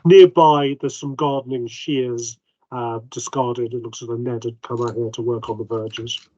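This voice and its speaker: A man's voice: mid-range voice, steady tone, moderate pace, dark tone, no room sound. A man narrating as game master, chatty and full of hesitations. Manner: chatty, hesitant with ums, plays the vicar in quotes. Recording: dull, dry home mic.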